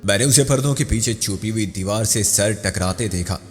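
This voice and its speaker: A man narrating a crime thriller novel as an audiobook, with steady storytelling. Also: lowish voice. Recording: long hall reverb with faint music.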